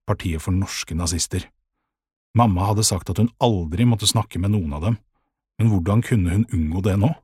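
A man narrating a children's audiobook in a calm, measured way, with a husky voice. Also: low-pitched, dry recording, studio quality.

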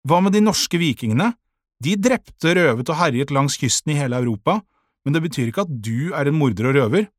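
A man voicing a fiery twelve-year-old girl in an audiobook, earnest and insistent, with a husky edge. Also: fairly high pitch, animated, dry recording, studio quality, voice pushed up. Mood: arguing. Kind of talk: audiobook character voice.

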